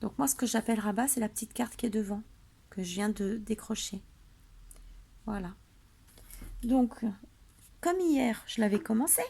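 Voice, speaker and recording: Sleepy woman rambling thru a card tutorial, a bit gravelly, highish voice, camera on a tripod at home. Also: normal speed, pauses often, mellow, slight background noise. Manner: rambling, chatty, many fillers and restarts. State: drowsy and tired. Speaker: papercraft tutorial host. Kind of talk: casual tutorial chat.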